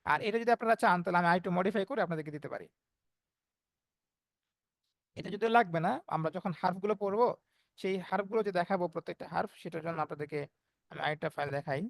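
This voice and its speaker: A man's voice: high voice, racing, vocal fry, no echo. A man teaching Quran recitation in an online class, explaining step by step and voicing the letter sounds as examples.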